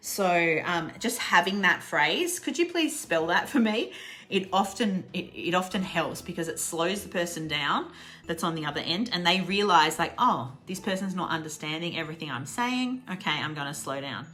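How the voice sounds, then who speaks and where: An Australian woman giving a casual online English lesson, chatty and laughing often, slowing down to repeat example phrases. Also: fairly low pitch, expressive, bright, forceful tone. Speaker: English teacher.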